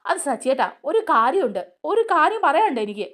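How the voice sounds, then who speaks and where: A woman's voice: sits high, sing-song, quick pace, a bit bright. A woman voicing a brash young man who confronts and accuses others, in a raised, insistent voice. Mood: accusing.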